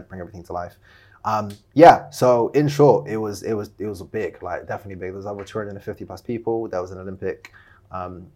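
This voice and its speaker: Lively young man telling stories. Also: low-pitched. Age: young adult. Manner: animated storyteller, many fillers, laughs while telling. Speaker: guest, video production founder. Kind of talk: casual storytelling interview.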